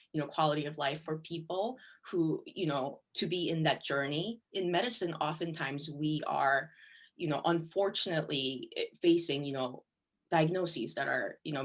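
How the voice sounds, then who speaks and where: Speaking in a low, slightly bright voice, a young plastic surgery resident from Korea chats casually during an interview, peppering her answers with "like" and "you know."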